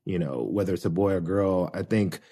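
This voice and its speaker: Low-voiced man reflecting thoughtfully. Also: fairly quick, dark tone, slightly rough. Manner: thoughtful, hesitant, many fillers. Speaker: podcast guest. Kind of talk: reflective conversation.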